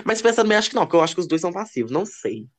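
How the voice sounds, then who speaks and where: A man co-hosting a podcast, telling gossipy stories in a casual, animated way. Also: racing. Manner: expressive, lively pitch. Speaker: podcast co-host. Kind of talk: casual chat.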